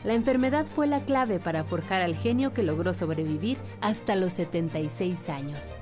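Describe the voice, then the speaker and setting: A woman's voice: on the low side, animated, normal speed. Woman narrating a documentary over music.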